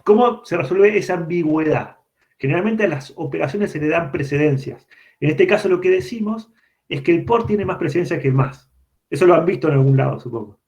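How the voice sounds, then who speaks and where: A man with a somewhat high, slightly mellow voice gives a programming lecture for an online university class. He explains step by step and regularly checks that students understand. His computer mic on the video call yields dull, lo-fi audio.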